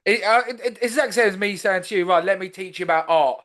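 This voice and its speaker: High-voiced man hosting a chatty podcast. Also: fast, a bit bright. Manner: rambling, chatty, many restarts. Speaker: podcast host. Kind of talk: casual podcast chat.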